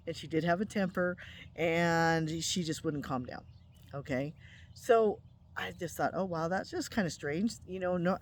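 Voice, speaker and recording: A woman's voice: fairly low pitch, a little hiss or hum. Woman telling a personal story, casual. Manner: conversational, with frequent ums and restarts. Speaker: spiritual channel host.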